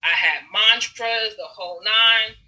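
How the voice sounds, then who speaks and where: A woman telling personal stories in casual conversation, animated, acting out scenes and swearing freely. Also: mid-range voice, a little slow, rough recording. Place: Brooklyn.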